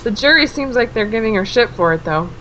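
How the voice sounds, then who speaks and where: A woman's voice: fairly high pitch, lively intonation, fast talker, sharp tone, lo-fi sound, a little hiss or hum. A woman co-hosting a casual podcast chat, opinionated and dryly sarcastic. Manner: opinionated and wry, sarcastic asides. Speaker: podcast co-host.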